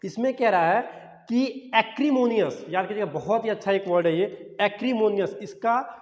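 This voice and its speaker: Male exam-prep tutor, high voice, drills words by repetition; dull lo-fi audio with reverb. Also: normal speed. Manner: repeats key words as questions to the class. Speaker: English teacher for exam prep. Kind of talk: explanatory classroom-style lesson.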